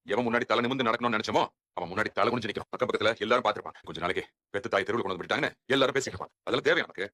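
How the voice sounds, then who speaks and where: A man's voice: on the low side, racing, sharp tone, dry recording. An actor playing a stern elder brother scolding his family in a TV serial. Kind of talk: TV serial acting.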